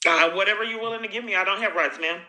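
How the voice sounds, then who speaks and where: Speaking very fast in a mid-range voice, this woman sounds bright and forceful, with a little hiss or hum in the background. She's the caller recording her own phone call from an echoey room, pressing the other side with accusations and circling through lengthy, repetitive rants.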